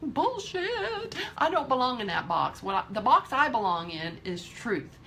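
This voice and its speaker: A woman's voice: fairly high pitch, sing-song, a little slow, bright, forceful tone, slight background noise. A woman in her fifties giving a candid, emphatic motivational talk to her viewers, swearing freely. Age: 50s. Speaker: vlogger.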